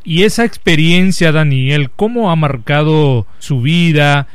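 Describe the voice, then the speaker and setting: Soft-spoken radio host. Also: male voice, a little high, unhurried, smooth, no room sound. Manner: calm, scripted introductions and gentle questions.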